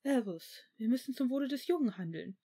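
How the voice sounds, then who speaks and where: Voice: mid-range voice, lively intonation, a little fast, dark tone, pitched above the performer's own voice. A reader voicing a worried, pleading female teacher in a fan fiction audiobook. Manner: hesitant, pleading.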